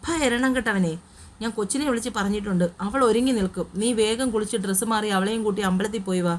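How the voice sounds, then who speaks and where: Bossy, fond middle-aged mother, brisk and scolding; woman narrator doing the voice. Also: medium pitch, slight background noise, natural voice.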